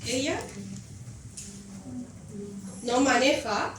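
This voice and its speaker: Woman, high voice, patient classroom teacher, heard from afar in a noisy room. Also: drawn-out words, fairly bright tone. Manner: patient, checks understanding with frequent questions. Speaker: English teacher. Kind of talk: classroom grammar explanation. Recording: echoey classroom from far off, noisy.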